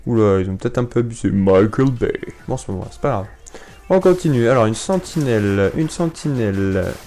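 A young man giving playful, casual commentary while playing a video game, repeating words and bursting out in sudden excitement. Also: medium pitch, fairly quick, soft background music. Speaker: gaming YouTuber. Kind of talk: casual let's-play commentary.

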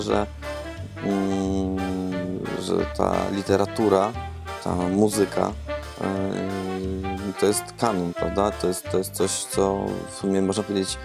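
A theatre director in his thirties speaks into a lapel mic from a seat in an empty theatre auditorium. His voice is on the low side, darkish, with vocal fry, and his interview answers ramble thoughtfully, full of hesitations and repeated words.

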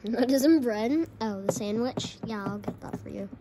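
A woman's voice: on the high side, normal speed. A woman hosting a casual, improvised toy play video in a chatty, informal way. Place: indoors at home, on a carpeted floor. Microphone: handheld phone camera. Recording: very noisy handheld home recording with clicks.

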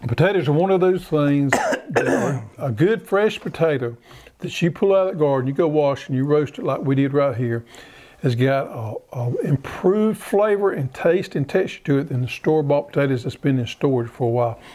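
Southern man, garden co-host, folksy drawl, slightly high voice, unhurried. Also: lively intonation, darkish tone. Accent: Southern American. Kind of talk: casual how-to chat.

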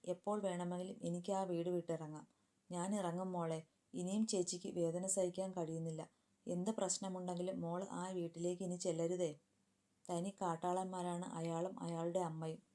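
A woman voicing a young woman who is a grieving, tender elder sister, speaking softly and affectionately. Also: lowish voice, close to an everyday voice. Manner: soft, affectionate, sorrowful.

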